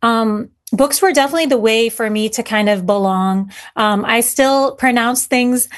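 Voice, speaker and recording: Slightly high-pitched and moderately paced, this woman's voice carries her earnest account of her writing as an interview guest. She came to America from Syria as a child, and the easygoing conversation is full of fillers and restarts.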